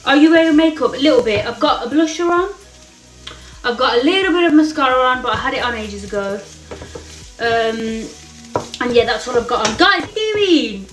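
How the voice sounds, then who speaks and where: Far from the mic, a young woman with a British accent talks fairly quickly in a high, fairly bright voice with lively intonation. During her home kitchen cooking livestream she reads comments playfully and calls viewers darling, over faint music, frying sounds, and a roomy echo.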